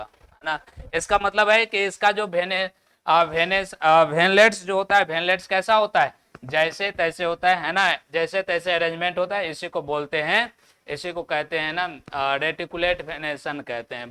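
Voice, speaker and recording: A man with a Bihari Hindi accent lectures a class in a high, bright, clear voice. He asks the students question after question and answers them himself. He tags his points with "है ना" to check that they follow. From Bihar, India. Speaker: teacher.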